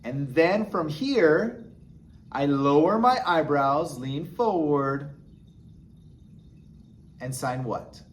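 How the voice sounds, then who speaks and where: Guy teaching a beginner class, kinda high voice, chatty, keeps going "okay? right?". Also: drawn-out words, pauses often. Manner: encouraging, chatty, frequent "okay?" and "right?" checks. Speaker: sign language teacher. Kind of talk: casual instructional explanation.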